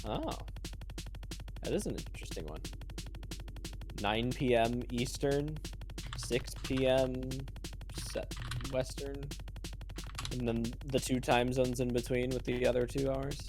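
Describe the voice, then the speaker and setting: A man's voice: mid-range voice, steady tone, slow, long pauses, music in the background. A young man with a Massachusetts accent giving casual, laughing esports commentary, full of fillers. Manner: chatty, laughs easily, hedges with fillers. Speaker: tournament commentator.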